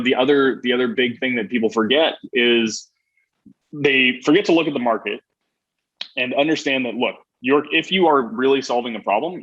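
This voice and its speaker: A man's voice: mid-range voice, fairly bright tone. A man who works in marketing, speaking casually in a podcast conversation, full of "you know" and "like". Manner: chatty, many fillers like "you know" and "like". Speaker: marketing guest. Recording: muffled lo-fi audio.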